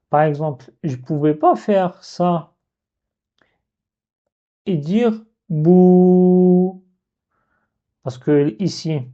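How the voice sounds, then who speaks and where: A patient teacher walks through a language lesson at an unhurried pace, repeating the important points and stretching out example sounds. The voice is very dark and mellow. The recording is dull and lo-fi. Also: mid-range voice. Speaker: Arabic teacher.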